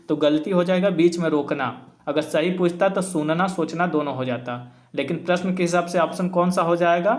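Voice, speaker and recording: A man with a slightly raised voice talks through exam questions one by one. He explains patiently, weighing each option in a relaxed teaching tone. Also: fairly high pitch. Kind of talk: informal exam answer walkthrough.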